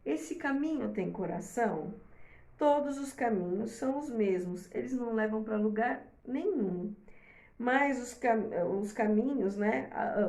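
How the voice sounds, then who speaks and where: A woman's voice: a little high, darkish tone. A middle-aged woman giving an informal online lecture as a parenting mentor, talking conversationally and tagging her sentences with "né?". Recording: roomy echo.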